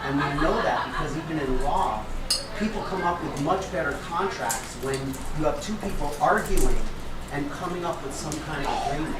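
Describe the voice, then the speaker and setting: A man's voice: fairly high pitch, normal speed. A man in the audience, a kidney specialist, making an earnest explanatory comment. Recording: distant voice in an echoey room with audience noise.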